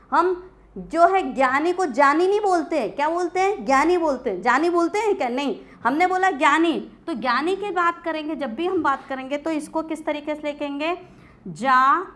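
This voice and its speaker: A woman's voice: sits high, a bit bright. A woman teacher giving a classroom grammar lecture, asking questions and answering them herself. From India. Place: coaching class.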